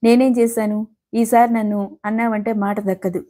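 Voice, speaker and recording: A woman reading the part of a bitter, resentful young widowed woman in a family quarrel, sharp and accusing. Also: on the high side, little pitch movement, normal speed, close to an everyday voice. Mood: bitter, angry.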